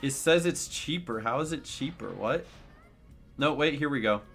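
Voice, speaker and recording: A young man streaming live, chatting casually to his viewers and rambling through exasperated complaints, with sudden high outbursts. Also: lively intonation, normal speed, vocal fry, fairly bright tone, faint music behind.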